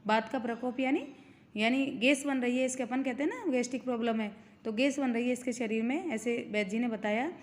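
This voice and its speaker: A woman's voice: a little high, fairly quick. Woman teacher explaining a play to kids. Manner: reads each character's lines, stopping to explain words simply. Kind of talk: reading and explaining a school play.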